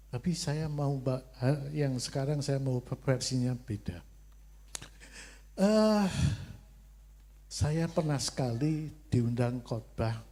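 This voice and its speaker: A man with a Javanese accent preaching a sermon, telling stories in a lively way and acting out God's short replies. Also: fairly high pitch. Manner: lively storytelling, playacting God's curt replies. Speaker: pastor. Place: church hall. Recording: long church hall reverb.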